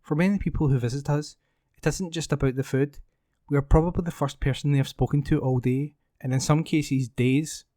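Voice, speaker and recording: A man reading newspaper articles aloud as a volunteer, in a clear, formal delivery. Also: a little high, steady tone, fairly quick, dark tone, no echo, clean studio sound.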